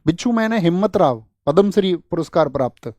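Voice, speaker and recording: A male teacher runs a lively exam-prep lesson, drilling students with quick call-and-response questions. His voice sits a little high for a man. It is recorded close up with a dry, echo-free sound.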